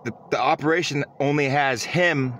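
A man's voice: a little high, moderate pace, fairly bright tone, a little hiss or hum. A man giving a self-recorded vlog monologue, earnest and rambling, often restarting his sentences. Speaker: vlogger.

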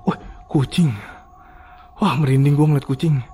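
A man's voice: a little high, fairly even intonation, normal speed, dark tone, a little hiss or hum. A man gives casual, uneasy running commentary while exploring at night, muttering spooked exclamations. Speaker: urban explorer vlogger. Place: abandoned resort at night, outdoors and in empty halls.

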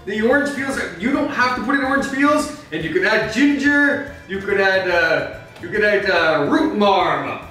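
In a home kitchen, a man hosts a comedy cooking show as a flustered Batman, the gruff, brooding male superhero, explaining the steps in a rambling way punctuated by angry outbursts. He speaks at a moderate pace in a high, pushed, bright voice. The recording has heavy room echo, a distant mic, and faint music.

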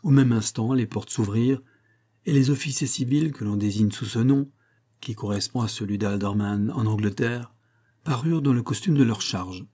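A man narrating a classic novel as an audiobook reader, in measured, even storytelling. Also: medium pitch, breathy edge.

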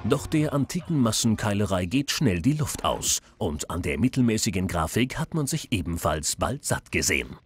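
Low-voiced man narrating game reviews over music. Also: sing-song, moderate pace, few pauses. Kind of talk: scripted magazine review narration.

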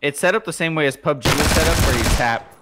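A man co-hosting a gaming video, excitable and laughing often as he plays. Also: fairly high pitch, quick pace, very noisy. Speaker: gaming channel co-host. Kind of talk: casual let's-play banter.

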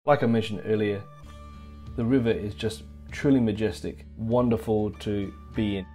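Soft music plays behind a middle-aged Australian man whose lowish, dark voice holds a steady tone at a moderate pace. He hosts a chatty, upbeat camping vlog with bloopers by a river in a bush reserve, laughing off his own slip-ups, recorded by a camera a few metres away.

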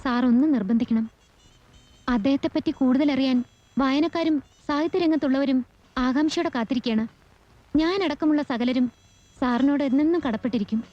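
An actress playing a polite, eager young unmarried woman who speaks respectfully and flatteringly. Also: high voice, normal speed, pauses often, no room sound, dull audio, close to an everyday voice. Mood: earnest. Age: young adult.

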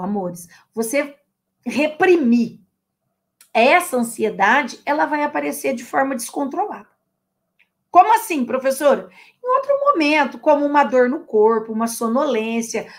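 A woman with a Brazilian Portuguese accent, a teacher of emotional intelligence, giving a casual live-stream talk. She stresses and repeats key phrases and greets viewers by name as she goes. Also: high voice. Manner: asks questions in her students' voices.

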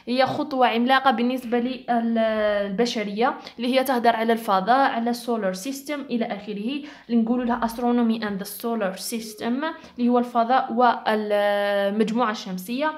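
A woman with an Algerian Arabic accent giving an exam revision lesson. She explains quickly with frequent hesitation sounds, then spells out the examples slowly. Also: fairly high pitch. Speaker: teacher.

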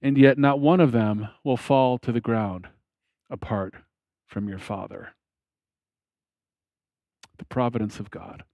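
Slow, deliberate preaching man. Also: mid-range voice, fairly even intonation, dry recording, highs cut off. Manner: slow, deliberate preaching with emphatic pauses and dropping phrase ends. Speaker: pastor. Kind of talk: sermon. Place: church platform behind a lectern, indoors. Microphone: headset mic.

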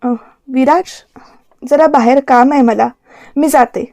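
A woman's voice: high voice, a little slow, mellow, dry recording. A woman reading as a pleading young wife. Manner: pleading, evasive. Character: young wife, evasive and tearful.

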